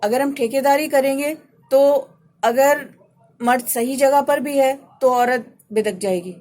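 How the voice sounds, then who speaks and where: A woman hosts a radio advice show and speaks Urdu with a Pakistani accent. Her voice sits somewhat high. She talks casually, builds her points from everyday examples and keeps asking her listener "right?". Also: a little mellow. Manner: explains with homely examples and asks "right?". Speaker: radio talk show host and life coach.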